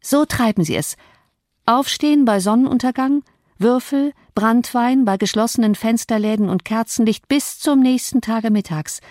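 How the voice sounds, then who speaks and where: A woman doing a gruff, scornful old manservant. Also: on the high side, normal speed, darkish tone, no room sound, clean studio sound, lightly acted. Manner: grumbling, coarse folk speech. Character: gruff old male servant, sour and scornful.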